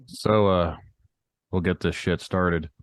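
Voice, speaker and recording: A man with a very deep voice hosts a casual interview podcast. He asks loose, friendly questions and chuckles along with his guests. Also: steady tone, slow pace, dry recording, clean studio sound. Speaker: podcast host.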